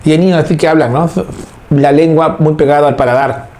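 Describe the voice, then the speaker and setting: Male teacher, lecture delivery, slightly high voice, repeats terms and quizzes the class. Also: fairly even intonation, a little fast, a little mellow. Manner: repetitive, asks questions and answers imagined students. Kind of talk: recorded lecture.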